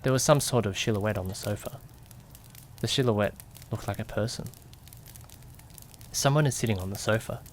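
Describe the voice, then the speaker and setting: This is a first-person narration for an amateur mystery audio drama, voiced by a man whose pitch sits on the low side and sounds close to everyday speech. He moves at normal speed with long pauses over a faint hiss or hum, playing the curious, jittery young companion of a detective. His asides are questioning, and the tone stays suspenseful and curious.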